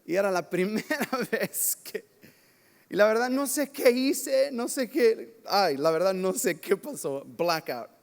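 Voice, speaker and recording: A man preaching a sermon as pastor, telling lively, self-mocking stories from his own life. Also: high voice, a little slow, gravelly. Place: church sanctuary. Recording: long church reverb.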